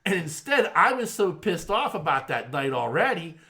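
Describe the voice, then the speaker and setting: A middle-aged man tells an old story on a casual podcast. His voice sits fairly high and sounds bright, and his pitch jumps around a lot. He swears freely, acts out each line of dialogue and laughs often. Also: normal speed. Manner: profane, animated storyteller who acts out quotes and laughs often. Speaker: podcast co-host.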